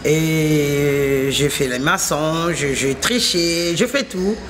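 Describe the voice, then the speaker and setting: Against crowd noise, a woman testifies about her faith, her voice sitting low and moving slowly. She is from Kinshasa and speaks with a Congolese French accent, Lingala being her first language. Her testimony is emphatic, and she keeps rephrasing herself in repetitive lists.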